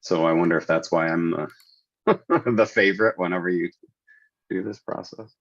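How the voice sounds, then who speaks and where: A man taking part in an online meeting, chatting casually in a relaxed, easygoing way. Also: sits low, normal speed, lo-fi sound. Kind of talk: casual chat.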